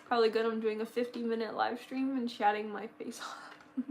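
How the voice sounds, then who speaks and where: A teenage girl in her late teens hosts a casual livestream, gushing and rambling with lots of fillers, her voice slightly going hoarse and a little worn. Her pitch is fairly high but barely moves, her pace is moderate, and her tone leans darkish. There's slight background noise.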